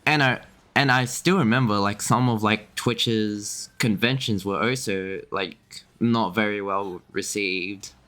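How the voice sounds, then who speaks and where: A young man chatting on a game stream in a lowish voice. He rambles, leans on filler words, restarts his sentences and keeps breaking into small laughs. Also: fairly even intonation, slow, few pauses, a bit bright. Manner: rambling, filler-heavy with frequent restarts and chuckles. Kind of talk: casual chat while gaming.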